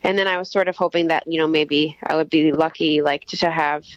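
A young woman guest musician answering interview questions over the phone, talking quickly and casually with lots of "like" fillers. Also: sits low, steady tone, no room sound. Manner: chatty, quick, full of "like" fillers. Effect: heard over the phone. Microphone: telephone. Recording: muffled dry phone line.

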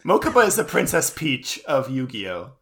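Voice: mid-range voice, very animated, moderate pace, fairly bright tone. A podcast co-host in casual chat, ranting animatedly and swearing for laughs.

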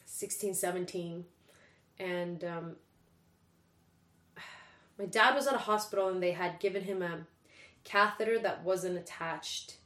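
A young woman talking with open, easy candor, with some swearing and some laughter mixed in. Her voice sits fairly low. The recording is roomy, and the walls throw back a noticeable echo. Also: unhurried, pauses often, fairly bright tone. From Sweden. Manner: candid, chatty, swears freely, laughs while talking. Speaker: guest. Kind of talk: casual conversation. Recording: echoey room.

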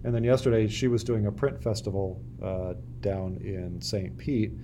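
A man co-hosting a podcast in a loose, chatty way, lots of fillers and easy asides. His voice sits mellow and dark. There is a faint background noise under the recording. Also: on the low side, normal speed. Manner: relaxed, rambling with fillers. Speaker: podcast co-host. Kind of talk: casual podcast chat.

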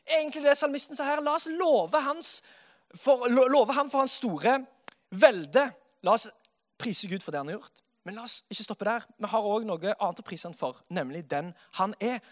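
A man preaching a sermon in a lively way, dropping soft and then rising to loud exclamations. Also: sits high.

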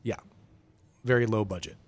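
A man's voice: lowish voice, steady tone, moderate pace, darkish tone, no room sound. A man in casual podcast chat about a film, joking and riffing on the plot. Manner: joking, riffs on the story with mock voices. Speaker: podcast co-host.

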